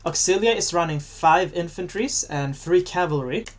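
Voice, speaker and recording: Casually commentating a game match, this man has a fairly high, expressive voice at normal speed. He jokes and chats, then gets louder whenever a fight kicks off.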